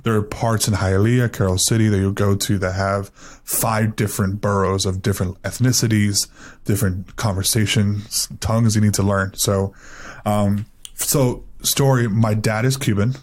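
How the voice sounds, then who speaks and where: A young man from Miami talks in a casual podcast chat with a fairly low voice. He rambles through his stories and leans on filler words as he goes. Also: fairly even intonation, moderate pace, darkish tone. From Miami, Florida. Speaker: podcast co-host.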